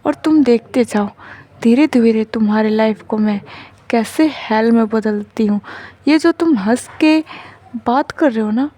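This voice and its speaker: A woman's voice: on the high side, unhurried, dark tone. A woman voicing a bitter, vengeful young woman who taunts and threatens in a storybook narration. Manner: spiteful, taunting.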